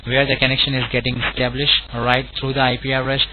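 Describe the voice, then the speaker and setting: A man with an Indian accent works call center tech support, speaking over a tinny phone line with clear noise. He's polite, wordy and repetitive, often saying "sir" and "all right," in a mid-range, level voice at a quick pace.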